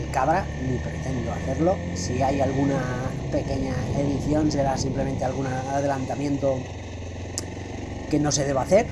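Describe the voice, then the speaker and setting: Middle-aged man rambling over loud noise. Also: fairly high pitch. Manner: hesitant, with many fillers. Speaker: motovlogger. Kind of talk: casual voice-over narration. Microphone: voice-over recorded apart from the ride.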